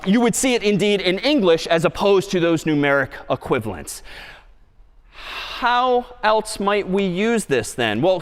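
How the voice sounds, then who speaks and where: High-voiced male lecturer in a big hall. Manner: lively, questioning the audience. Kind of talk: university lecture. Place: large lecture hall stage. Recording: long reverb of a lecture hall.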